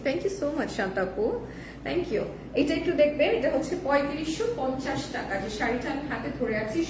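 Hoarse woman host, chatty live seller, high voice, recorded from a distance with noise behind. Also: roomy sound. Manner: chatty, reads viewer comments, mixes in English. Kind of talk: live-stream saree selling.

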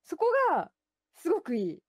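A woman with a fairly high, lively voice who gushes with enthusiasm and starts her thoughts with halting fillers. She talks as a radio guest. The mic sounds close and dry. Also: slightly rough, no echo. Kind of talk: radio talk show banter.

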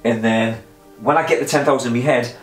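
A man's voice: mid-range voice, fairly even intonation, brisk, faint music behind. Chatty, rambling man in an echoey room. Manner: chatty, meandering, self-interrupting with fillers. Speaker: vlogger. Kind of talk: casual rambling talk to camera.

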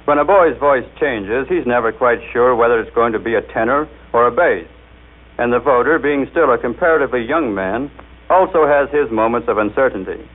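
A man at a middling pitch, jovial and explanatory, leading a scripted radio demonstration. His voice is squeezed into a thin, phone-like band, as on a 1939 broadcast recording. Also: a little fast. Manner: jovial, explanatory, coaxing the machine.

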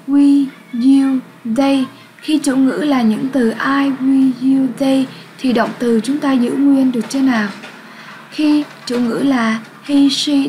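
A Vietnamese-accented woman with a high voice teaches English to children. She talks slowly and clearly and sounds out each word for pupils to repeat. A faint hiss sits behind her. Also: a little mellow, low-quality recording. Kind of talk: grade-six English lesson for children.

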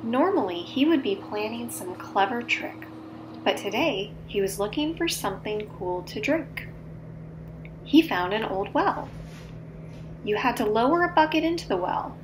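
A woman storyteller clearly reading a scripted trickster tale for children. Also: mid-range voice, slight background noise. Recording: slightly echoey room.

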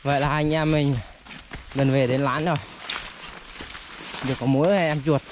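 A man with a fairly high voice hosts a casual outdoor vlog. He talks chattily, hesitating and doubling back on words. Faint outdoor noise sits behind him. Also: little pitch movement, moderate pace. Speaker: vlogger, host. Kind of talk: casual outdoor vlog chat while walking. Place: outdoors in forest.

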